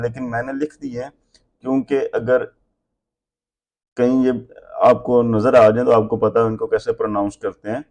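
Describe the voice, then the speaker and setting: A man's voice: medium pitch, dark tone. A man teaching a language lesson, reading letters one by one and then explaining them plainly. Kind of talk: slow spelled-out language lesson.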